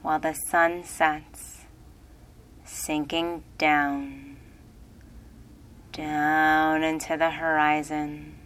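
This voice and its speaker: A woman leading a guided relaxation, speaking in a soothing, hushed way. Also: deep voice, little pitch movement, very slow, pauses often, a little hiss or hum. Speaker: meditation guide.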